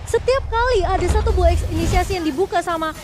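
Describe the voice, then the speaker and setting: A woman's voice: extremely high pitch, quick pace, background noise. A woman with an Indonesian accent analysing a live esports match as a commentator. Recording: loud music behind. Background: loud music.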